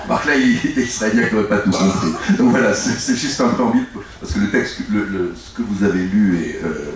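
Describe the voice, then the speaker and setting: Heard through a distant mic with background noise and faint ambience in an echoey room, a middle-aged man with a fairly low voice speaks as an author guest at a live book talk. A native French speaker, he rambles through long, halting answers with many restarts.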